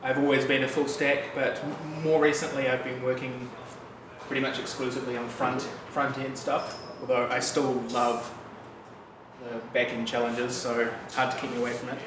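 At normal speed, a mid-pitched New Zealand developer in his thirties chats through a casual technical meetup talk, relaxed and full of fillers and asides. An audience sits in the bright loft-like office around him. Standing well back from the room mic, he sounds distant amid echo and background noise.

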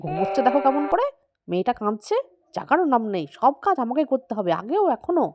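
A woman's voice: high-pitched, big pitch swings, quick pace, very noisy. A woman voicing a tired, grumbling elderly grandmother in a cartoon dub, chattering and exclaiming. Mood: weary, soothing. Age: older. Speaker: voice actor.

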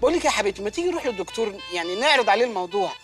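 A man's voice: sits high, very animated, rapid-fire, over music. An actor with an Egyptian accent playing a sheepish, jobless husband who pleads with and teases his wife in a comedy film. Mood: nervous. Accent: Egyptian Arabic. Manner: pleading, then teasing and mocking. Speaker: husband out of work. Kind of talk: comic film acting.

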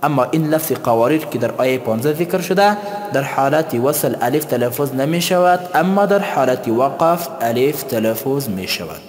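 A man teaching a tajweed lesson. He explains slowly and chants the example words. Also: mid-range voice, expressive. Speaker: Quran recitation teacher. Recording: long hall reverb.

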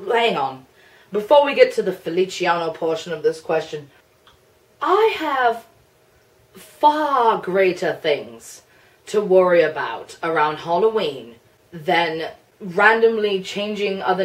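A woman's voice: medium pitch, distant mic, natural voice. England as a chatty young nation, played by a woman. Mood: defensive. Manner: chatty, explanatory, a bit flustered, laughs often. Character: England, a personified young male nation, blunt and prickly. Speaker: cosplayer answering viewer questions. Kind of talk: in-character cosplay Q&A.

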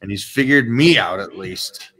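Animated low-voiced man on a live show. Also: normal speed. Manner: animated, teasing, motivational. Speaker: co-host. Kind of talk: live Q&A chat. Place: studio set with backdrop. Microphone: desk microphone.

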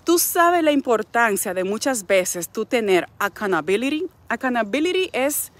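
Sing-song and a little high, this voice moves at a moderate pace. It belongs to a middle-aged Dominican wellness coach with a Dominican Spanish accent, from the Dominican Republic, delivering a frank, preachy motivational talk rooted in faith.

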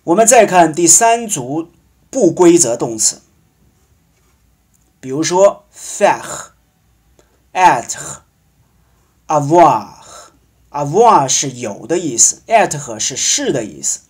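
A man teaching a French lesson, explaining patiently and slowly drawing out example words. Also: fairly high pitch, big pitch swings, darkish tone, slightly rough. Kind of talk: language lesson.

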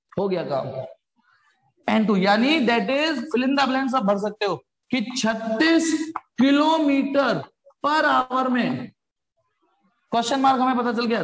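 His voice sits high, and the room echoes around him. Calling his pupils "beta," this physics teacher poses questions to them while moving step by step through the material.

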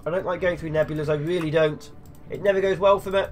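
A man's voice: a little high, steady tone, fast, faint music behind. A young man hosting a game let's play, chatting and joking to himself as he plays. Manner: chatty, jokey, talks to himself while playing. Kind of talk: gameplay commentary.

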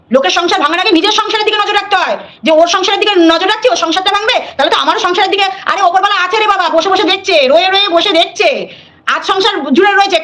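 A middle-aged woman on a live stream, talking at a rapid clip in a high voice. She scolds defiantly and drives her points home by saying them again and again. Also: a bit bright.

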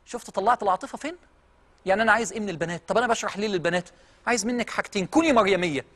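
Egyptian male preacher, high-pitched and quick, emphatic sermon delivery with lots of repetition. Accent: Egyptian Arabic. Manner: emphatic, repeats phrases, swings from loud to hushed. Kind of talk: televised sermon to a live audience.

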